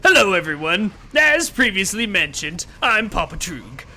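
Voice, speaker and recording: Man doing a gloating demon-scientist villain, hammy, sarcastic, bright cutting tone, high swooping voice. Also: sing-song, soft background music, full character voice. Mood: sardonic. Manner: theatrical, hammy and sarcastic, with dramatic drawn-out words. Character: pompous gloating male demon-scientist villain, self-important. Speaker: let's play host. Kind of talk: villain-persona game commentary.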